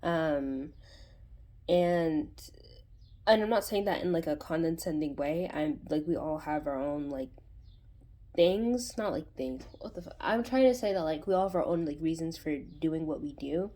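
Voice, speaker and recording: A woman's voice: low voice, moderate pace, mellow. A woman hosting her own channel, giving a casual spoken tarot reading in a rambling way, full of fillers and restarts. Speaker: tarot reader and channel host.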